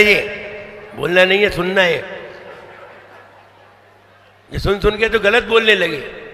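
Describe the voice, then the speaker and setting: A man teaching how to recite sacred verses, drilling syllables slowly and with emphasis, moving between quick explanations and drawn-out chanting. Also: high voice, sharp tone. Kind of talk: pronunciation lesson with chanted verses. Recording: long reverb of a large hall.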